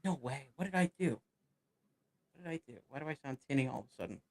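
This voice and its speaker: A man co-hosting a casual podcast over a call. His mic sounds tinny and thin with no bass, and he talks in halting starts and restarts. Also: animated. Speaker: podcast co-host. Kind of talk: casual chat. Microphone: home streaming mic over a voice call.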